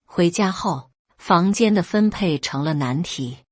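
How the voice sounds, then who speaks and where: Husky, lively woman storyteller. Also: lowish voice, a little slow, dry recording. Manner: lively storytelling, briefly voicing characters. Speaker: story narrator. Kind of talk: first-person scripted story reading.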